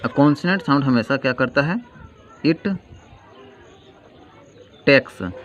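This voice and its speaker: A male grammar teacher giving a lesson, asking questions and answering them himself and repeating key terms slowly. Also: mid-range voice, a bit bright. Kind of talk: classroom-style grammar lesson. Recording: dull lo-fi sound with faint noise.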